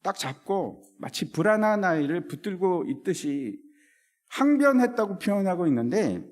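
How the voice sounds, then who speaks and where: A male pastor preaching a sermon in an animated way, acting out the scripture he quotes. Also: high voice, moderate pace.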